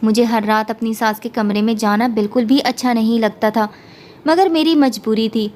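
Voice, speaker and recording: A woman storyteller reading an emotional first-person story in a steady, emotive way. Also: fairly high pitch, a little hiss or hum. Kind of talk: scripted story narration.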